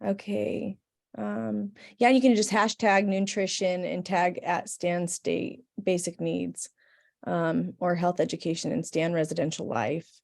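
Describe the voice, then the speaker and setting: A woman's voice: on the low side, flat delivery, measured pace, creaky. A woman organizer giving friendly, informal closing announcements after a cooking demo. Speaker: event organizer.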